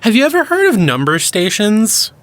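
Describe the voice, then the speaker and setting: A man's voice: sits high, huge pitch swings, normal speed, a bit bright, full character voice. An actor playing an enthusiastic young male cryptid hunter who explains things eagerly in an audio drama. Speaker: lead character.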